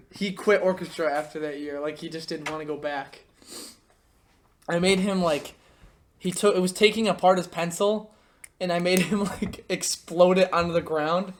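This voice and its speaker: A young man hosting a casual podcast, telling animated stories with laughter and quick impressions. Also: slight background noise. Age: young adult. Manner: animated storyteller, breaks into laughter and high-pitched impressions. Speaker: podcast host. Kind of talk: casual chat.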